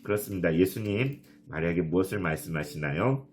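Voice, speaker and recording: A man preaching a sermon as a pastor, earnest and soft, often asking the listeners questions. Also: sits low, expressive, fairly quick. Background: soft guitar music.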